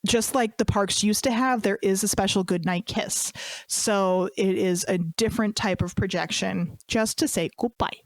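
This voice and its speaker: A woman's voice: mid-range voice, normal speed, dry recording. A woman from Minnesota co-hosting a casual podcast, chatting through lists with fillers like "um". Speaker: podcast co-host.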